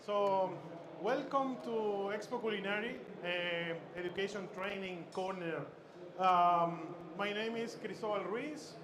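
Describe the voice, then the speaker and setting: A Chilean chef instructor gives a live cooking demonstration on an expo stage, his voice raised in pitch. His patter is halting and stop-start, full of fillers and repeated words, against loud, noisy expo hall ambience.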